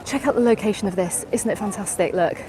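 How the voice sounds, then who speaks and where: Talking fast in a mid-range voice, a middle-aged woman from England with an English accent runs a live walking tour as a travel vlogger, taking viewers' questions as she goes. She is outdoors on a busy beach promenade at dusk. The live stream carries crowd noise, chatter, and traffic.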